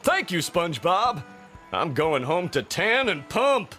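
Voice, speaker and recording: Game cutscene role: aggrieved muscleman lobster, unhurried, lively pitch, hearty, music behind. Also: heavily acted. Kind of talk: animated game cutscene acting.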